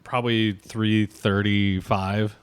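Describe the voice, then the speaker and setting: A man's voice: on the low side, flat delivery, slow pace, smooth. A man co-hosting a podcast in casual chat, telling rambling profane stories. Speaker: podcast co-host.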